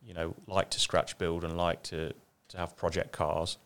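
A man's voice: sits low, flat delivery, normal speed, a bit bright, clear, resonant tone. A man, chatting casually as a guest, rambling and self-deprecating. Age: 50s. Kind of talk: casual chat.

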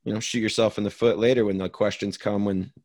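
A man hosting an interview, responding in a relaxed, conversational, affirming way. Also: lowish voice, fast, dry recording, studio quality. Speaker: podcast host. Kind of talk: casual interview chat.

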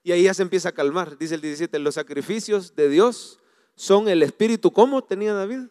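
High-voiced preacher in a reverberant hall. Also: male voice, brisk. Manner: animated preaching, swings from hushed to loud. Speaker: pastor. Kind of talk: sermon. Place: church.

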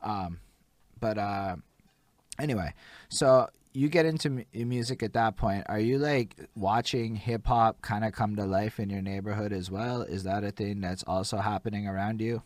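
A man's voice: on the low side, normal speed, dry recording. A man from Montreal hosting a casual interview, talking in an enthusiastic and conversational way. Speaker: podcast host.

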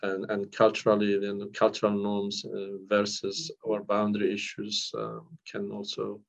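A man with a low voice and vocal fry, a Kurdish-speaking counsellor from northern Iraq, speaks in a completely flat, unhurried way during a podcast interview. Many fillers and restarts mark his hesitant manner, heard through dull lo-fi audio.

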